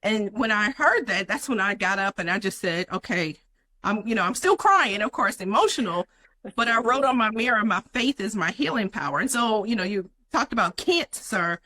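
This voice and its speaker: A woman's voice: medium pitch, expressive, moderate pace, sharp tone, low-quality recording. A young adult woman, a guest in an interview, telling her personal story in an earnest way with many "you know" fillers.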